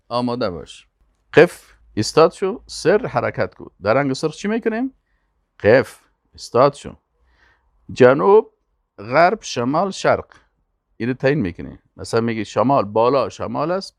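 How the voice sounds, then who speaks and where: An older man with an Afghan Dari accent teaches an Arabic lesson. He patiently repeats each word slowly so his students can copy the sounds. His voice is gravelly and rises and falls a lot, and the room around him is dry and close. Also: mid-range voice, no echo. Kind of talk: language lesson.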